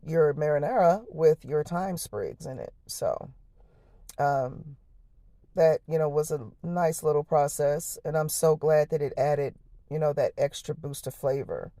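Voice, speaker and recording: Hoarse, low, harsh-voiced American woman. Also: dark tone, dry recording. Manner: folksy, chatty, addresses viewers as y'all and honey. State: hoarse, voice lost from the night before. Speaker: home cook, vlog host. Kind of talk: casual cooking voice-over, narrating footage.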